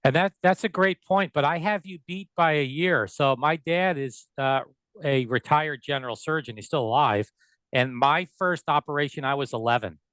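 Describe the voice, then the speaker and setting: A man's voice: on the high side, moderate pace, fairly bright tone, clean tone, no room sound, low-quality recording. A middle-aged man hosting a medical podcast, speaking in a friendly, upbeat conversational way. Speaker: podcast host, surgeon. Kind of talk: podcast interview.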